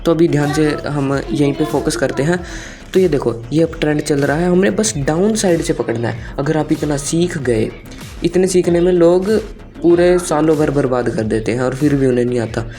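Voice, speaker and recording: Over a shared chart with faint music behind, a man teaches a trading lesson in a conversational way, repeating phrases and quizzing his viewers. His voice is fairly high, mellow, and at normal speed.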